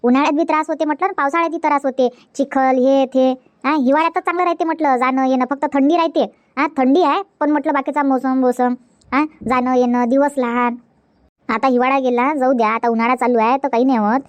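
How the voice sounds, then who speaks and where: In her natural voice, which sits high with a steady tone, a woman talks fast as a chatty young newlywed wife in a Marathi comedy cartoon dub. Pleading, repetitive and nagging, the character rushes her words, and there's no room sound.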